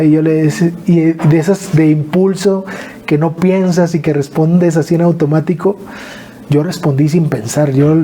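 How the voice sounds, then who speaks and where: Northern Mexican man, earnest halting storyteller, warm dark voice, faint noise behind. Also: a little high. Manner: earnest, halting, with repeated restarts. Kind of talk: emotional personal storytelling.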